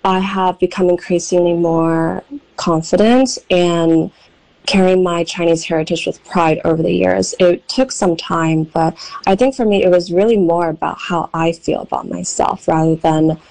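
A young American woman speaks in a somewhat low voice, weighing her words. She pauses often with soft ums as she answers interview questions. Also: steady tone, gravelly, poor audio. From United States. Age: young adult. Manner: thoughtful, hesitant with frequent ums. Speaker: guest, painter and writer.

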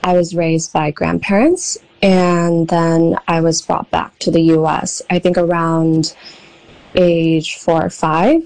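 A young American woman speaks in a somewhat low voice, weighing her words. She pauses often with soft ums as she answers interview questions. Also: flat delivery, creaky, low-quality recording. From United States. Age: young adult. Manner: thoughtful, hesitant with frequent ums. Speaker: guest, painter and writer.

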